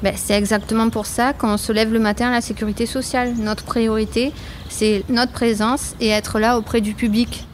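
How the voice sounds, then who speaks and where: A woman plays a contented veteran public employee in a homemade audio play. She is chatty and persuasive, with a fairly high voice over faint ambient noise. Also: flat delivery, normal speed, natural voice. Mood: proud. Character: Soline, proud contented female social security veteran of twenty years. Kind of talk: amateur scripted audio drama.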